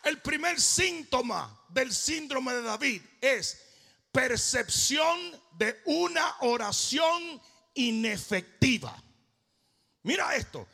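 A man preaching a fervent sermon as pastor, often shouting and half-singing his lines. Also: very high voice, big pitch swings, takes it slowly, gravelly, breathy edge. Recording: long hall reverb.

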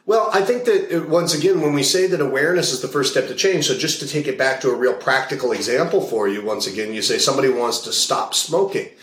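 A hypnotist and values coach appears as a guest in a casual interview, discussing his coaching work in a mid-range, fairly bright voice. He talks fast with hardly any pauses, telling long anecdotes and repeating key phrases to drive his points home. The sound bounces around a roomy space.

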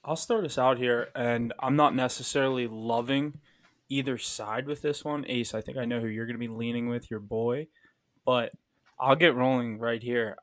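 A man's voice: mid-range voice, fairly even intonation, normal speed, no room sound, studio quality. Easygoing man chatting about picks. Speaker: podcast co-host. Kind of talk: casual sports betting chat.

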